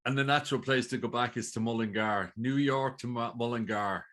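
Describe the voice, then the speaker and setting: Over a video call, an Irish interview host asks long, rambling questions in a chatty manner. He has an Irish accent and a medium-pitched, fairly bright voice, speaking briskly in a steady tone.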